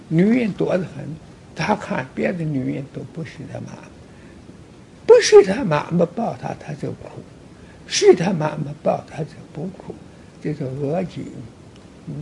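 A man giving a Buddhist sermon, explaining plainly and repeating himself, speaking straight to a listener and often starting with a drawn-out "ai". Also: high voice, creaky, a little mellow, slight background noise. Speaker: Buddhist teacher.

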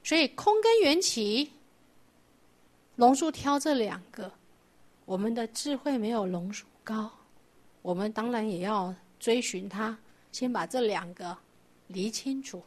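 Higher-voiced woman teaching Buddhism. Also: expressive, unhurried, long pauses. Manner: explains patiently with rhetorical questions to the class. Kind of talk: Buddhist doctrine lecture.

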